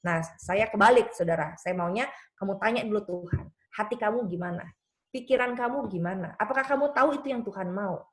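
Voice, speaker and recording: A woman pastor giving a conversational seminar talk, telling lively stories and jumping up in pitch whenever she quotes someone. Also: fairly quick. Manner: lively storytelling that leaps high in pitch when quoting others; conversational, with frequent tag phrases. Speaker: pastor and speaker on children's faith.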